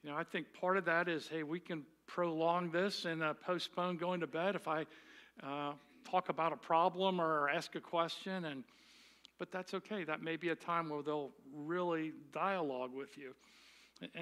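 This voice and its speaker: Man, middle-aged, pastor preaching, bright tone, stumbles and repeats words. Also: on the high side, fairly even intonation. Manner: halting, repeats words while speaking. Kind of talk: sermon.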